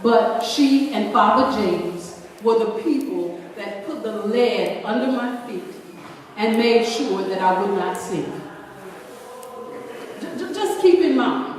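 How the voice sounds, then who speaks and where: A woman's voice: medium pitch, lively intonation, takes it slowly, a little hiss or hum. An older woman gives an inspirational talk at a church conference, telling her story emphatically and repeating key phrases. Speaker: conference speaker. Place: large church hall. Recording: echoey hall recorded from far off.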